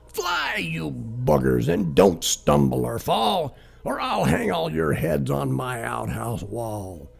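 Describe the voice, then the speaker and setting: A man doing gruff old pirate Saint Manny. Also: medium pitch, sing-song, slow, hardly any pauses, full character voice. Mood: bellowing orders. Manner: gruff, bellowing pirate talk. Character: crusty drunken old male pirate saint. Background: music.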